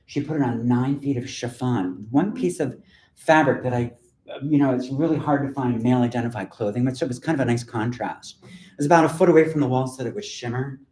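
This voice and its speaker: Poet, male voice, blunt and chatty with asides, mid pitch, reading to a live room with a roomy echo. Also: a little fast, darkish tone, slight background noise. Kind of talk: informal talk and poetry reading to an audience. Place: lecture room with audience. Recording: roomy echo from a lecture hall.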